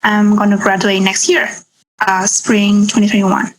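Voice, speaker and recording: A woman's voice: medium pitch, level tone, a little slow, slight background noise, low-quality recording. A young woman from Vietnam, a university student, introducing herself lightly on a video call. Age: young adult. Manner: light, self-deprecating.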